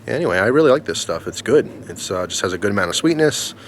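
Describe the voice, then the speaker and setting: A man with a notably deep voice talks through a casual review outdoors. His delivery is informal and halting, wandering from one thought to the next as he goes. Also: lively intonation, slight background noise. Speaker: pipe tobacco reviewer. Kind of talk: casual product review vlog. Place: outdoors in the snow in winter.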